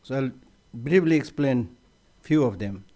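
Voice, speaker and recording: A man teaching on meditation at a conference, conversational, often repeating words as he restarts a phrase, with gentle humor. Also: medium pitch, expressive, a little slow. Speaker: Buddhist teacher.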